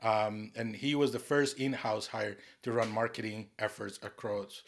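Enthusiastic podcast host. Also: male voice, fairly low pitch, flat delivery, unhurried. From Costa Rica. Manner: enthusiastic, rambling, many fillers. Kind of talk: casual podcast hosting.

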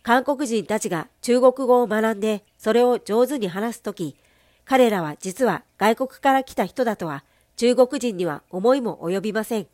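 A woman's voice: a little high, normal speed, a little mellow, dry recording. Woman reading a sermon, dry close sound. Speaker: reader of a translated sermon.

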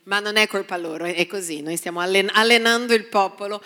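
A woman pastor delivering a sermon, calling "Amen?" to the congregation and moving from soft asides to loud, emphatic lines. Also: medium pitch, steady tone, fairly quick. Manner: preaching with call-and-response "Amen?" to the congregation. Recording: long reverb of a large hall.

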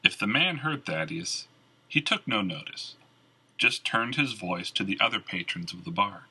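A man narrating a fantasy audiobook in an expressive storytelling manner. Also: fairly low pitch, moderate pace, husky, rough recording.

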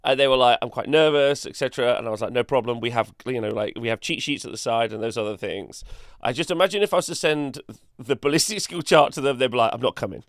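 A man's voice: mid-range voice, quick pace, fairly bright tone, dry recording, clean studio sound. Hesitant male podcast co-host. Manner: hesitant, filler-heavy, laughs easily. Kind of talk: casual podcast chat, reading rules aloud.

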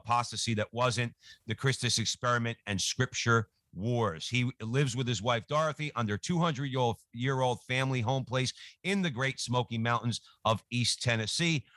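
A man's voice: mid-range voice, a bit bright, no room sound. A man speaking as a show host, giving an introduction and handing over.

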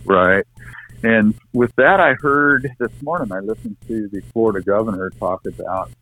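A middle-aged man with a fairly low voice co-hosts a casual political talk show. He speaks conversationally and stresses his opinions firmly. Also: moderate pace, bright, forceful tone, dry recording, poor audio. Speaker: co-host.

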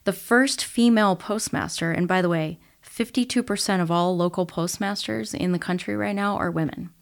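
A woman's voice: lowish voice, normal speed, creaky. A middle-aged woman guest in a podcast interview, answering eagerly and sharing historical facts with many fillers. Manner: enthusiastic, fact-filled, uses fillers. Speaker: guest, postal service governor.

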